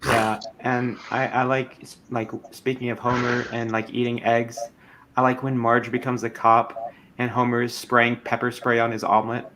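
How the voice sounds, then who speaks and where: Man, casual chat, rambling, mid-pitched, hesitant delivery. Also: flat delivery, normal speed, a bit bright, slight background noise. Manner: rambling, hesitant, many restarts.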